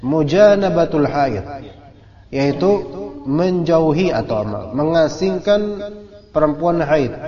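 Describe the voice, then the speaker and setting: A man's voice: fairly high pitch, mellow. A man teaching an Islamic book study in a casual, joking, colloquial way. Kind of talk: kitab study lecture. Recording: muffled hall recording with audience.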